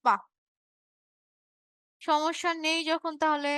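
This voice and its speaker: A Bangladeshi woman teaches an online revision class, explaining patiently, repeating key words and checking in with her students. Her voice is high-pitched and sharp, with a steady tone and a slow pace. There is no echo.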